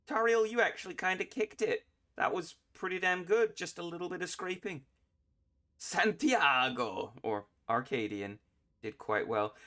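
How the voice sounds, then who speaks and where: A man talks his way through a video game in loose, chatty commentary. His pitch swings widely as he jokes at his own expense and lets out sudden exclamations. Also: fairly bright tone. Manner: chatty, self-deprecating, quick exclamations. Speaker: game streamer. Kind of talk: casual let's-play commentary.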